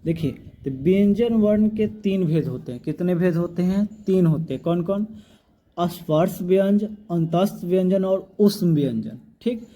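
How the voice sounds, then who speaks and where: A man's voice: sits high, unhurried, dark tone. A male grammar teacher, giving a classroom lesson and repeatedly asking his students questions that he answers himself. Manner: repetitive call-and-response questioning, drills sounds aloud.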